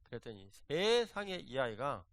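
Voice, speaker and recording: A man's voice: mid-range voice, normal speed, no echo. A man, a pastor, preaching a sermon and telling a story, acting out the lines of the people in it. He was recorded in a church. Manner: animated anecdote with quoted voices. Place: church sanctuary.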